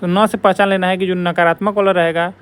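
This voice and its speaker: A man's voice: high voice, flat delivery, quick pace, a bit bright, clear, resonant tone. A man teaching as a Hindi exam tutor, walking through test questions step by step and repeating the points to remember. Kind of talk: exam question walkthrough lesson.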